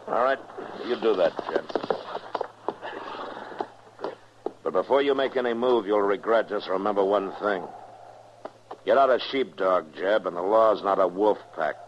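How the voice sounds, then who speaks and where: An actor playing a firm, steady frontier marshal in a radio western, grave and plain-spoken, with an American accent. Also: male voice, fairly low pitch, normal speed, close to an everyday voice. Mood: firm warning. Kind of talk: old-time radio western acting. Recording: muffled, noisy vintage radio recording.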